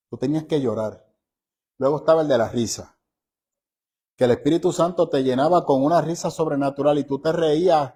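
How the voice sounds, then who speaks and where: A man teaching a Bible study in a conversational way, emphatic, asking his listeners rhetorical questions and slowing down to stress key phrases. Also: medium pitch, warm tone, breathy edge.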